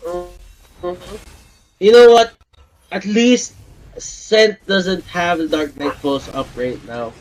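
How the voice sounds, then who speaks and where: A man doing live play-by-play commentary on an esports match, shouting high and excited in big plays. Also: slow, faint music behind, poor audio. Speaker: esports caster.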